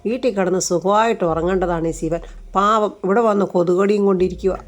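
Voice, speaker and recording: A woman's voice: medium pitch, steady tone, a little fast, natural voice. A woman voicing a composed, caring young woman who speaks politely under strain. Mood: tense.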